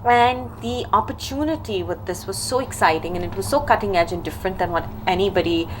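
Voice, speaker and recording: A woman from Lahore talks as a guest, relaxed and candid, and tells her story with plenty of ums. Her pitch is middle for a woman. Faint background noise sits beneath the conversation. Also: brisk. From Lahore, Pakistan. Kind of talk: casual interview chat.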